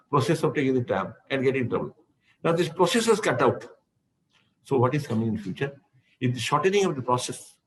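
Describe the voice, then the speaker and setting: A man's voice: a little high, poor audio. A man with an Indian English accent, a spiritual teacher speaking to devotees in a rambling, discursive way that often repeats words while he searches for the next phrase. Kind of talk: speaking to devotees in an online session.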